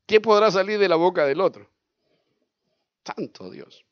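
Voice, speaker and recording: A male pastor, preaching a sermon in an animated way, asking questions and acting out scenes. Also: sits high, measured pace, smooth, no echo, dull audio. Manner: animated, asks the congregation questions, acts out scenes.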